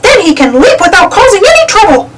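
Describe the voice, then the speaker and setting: A woman voicing a cheerful, helpful cartoon mouse in a squeaky, eager way. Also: wildly swooping pitch, fairly quick, full character voice. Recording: far-off mic, loud background noise.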